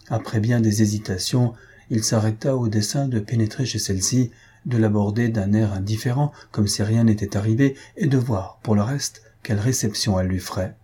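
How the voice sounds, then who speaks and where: A man reading a novel aloud as scripted narration, in a measured, literary manner. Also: lowish voice, mellow, breathy edge. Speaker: audiobook reader.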